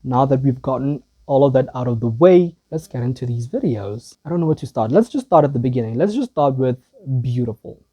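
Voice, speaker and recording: A man's voice: medium pitch, lively intonation, brisk, few pauses, dark tone, breathy edge. A man making casual reaction commentary for his video channel, rambling and hesitant, with a self-deprecating, wandering way of talking. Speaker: video creator.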